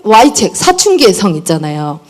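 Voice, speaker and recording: A middle-aged woman giving a parenting lecture, telling personal stories in an animated way and acting out the dialogue. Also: medium pitch, measured pace.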